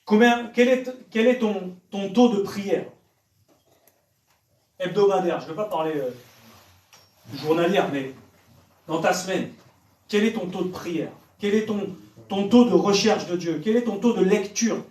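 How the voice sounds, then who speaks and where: A man's voice: high-pitched, a little slow, pauses often, a little mellow. A man preaching to young people, pressing them with direct questions. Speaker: evangelist preacher. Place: church hall. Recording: echoey church hall, from far off.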